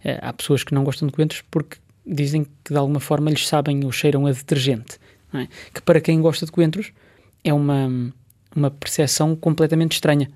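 A man with a European Portuguese accent speaks in a fairly high voice with very little room sound. He explains things as an expert guest would, in a conversational and discursive way, often adding tag questions. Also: little pitch movement, fairly quick, darkish tone, no echo, studio quality. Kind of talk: conversational explanation to a host and listeners.

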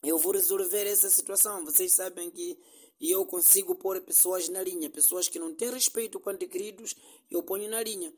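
Comic telling a silly story, middle pitch, playful and dragged-out. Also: brisk, darkish tone. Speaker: comedian.

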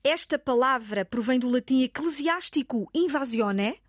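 A woman with a European Portuguese accent, a language teacher clearly explaining a pronunciation point on the radio. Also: high-pitched, animated, measured pace, no echo, studio quality.

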